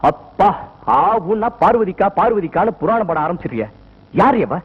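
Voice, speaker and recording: A man's voice: sits high, lively intonation, normal speed, breathy edge. An actor playing an educated farmer husband arguing with his wife. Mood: exasperated. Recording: tinny old film soundtrack.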